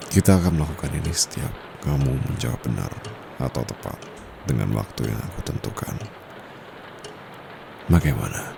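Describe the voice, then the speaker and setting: Playing a seductive, dominant private tutor in intimate ASMR, the amateur voice actor with an Indonesian accent sounds sly and persuasive in a heavily acted performance. He murmurs smugly in a very deep, gravelly, breathy voice, slow, teasing, and drawn out, drifting into whispers. The close condenser mic also picks up clear background noise.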